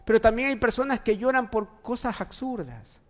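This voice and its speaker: High-voiced pastor preaching in a reverberant church. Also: male voice, moderate pace. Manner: emphatic, with repeated phrases and rhetorical questions. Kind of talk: sermon. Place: church sanctuary. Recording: long church-hall reverb.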